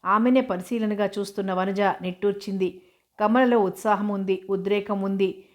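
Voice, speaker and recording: A woman reads a novel aloud with steady, unhurried storytelling. Her voice is very even and flat, with little rise and fall. The pitch sits in a middle range for a woman. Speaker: narrator.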